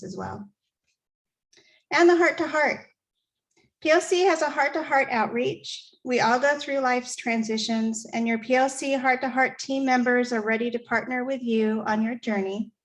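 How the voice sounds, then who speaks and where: A woman hosting a church service, giving friendly announcements and leading the congregation in prayer. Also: fairly high pitch.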